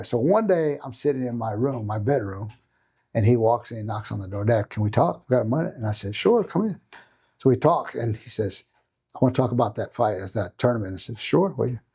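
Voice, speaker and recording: A man's voice: medium pitch, brisk, warm tone, slightly rough. A middle-aged man, a jiu-jitsu coach telling a long story as a podcast guest, tagging many sentences with questions. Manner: rambling anecdote with many tag questions.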